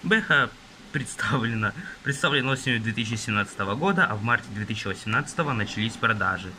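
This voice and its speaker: A young man with a bright, forceful tone talks casually while filming a magazine from above on his phone. He lists items haltingly with fillers, in a plain indoor room. Faint rain patters in the background. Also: on the low side, expressive, slight background noise, poor audio. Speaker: magazine reviewer. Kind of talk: casual page-flipping review. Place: indoors at a table, rain outside. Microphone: phone camera filming from above.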